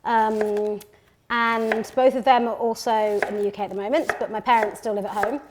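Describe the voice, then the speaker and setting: A woman's voice: fairly high pitch, steady tone, normal speed. Chatty English woman with light noise. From England (Birmingham). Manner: chatty, many fillers and restarts. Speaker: guest, company founder. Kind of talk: casual chat while cooking. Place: home kitchen.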